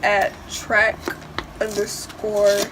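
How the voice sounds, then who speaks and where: A woman's voice: medium pitch, monotone, extremely slow, noisy background. A teenage girl vlogging an unboxing in a casual, rambling way, sick and stuffed up. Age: teens. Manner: rambling, many fillers.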